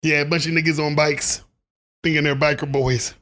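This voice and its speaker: A man's voice: on the high side, little pitch movement, moderate pace, fairly bright tone. A man delivering a rambling, opinionated basketball commentary monologue, laughing at his own asides. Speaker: sports commentary vlogger.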